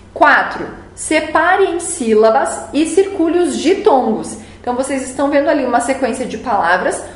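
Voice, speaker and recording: A woman's voice: sits high, reverberant. A woman from Brazil teaching a remote class, patiently explaining each exercise step by step.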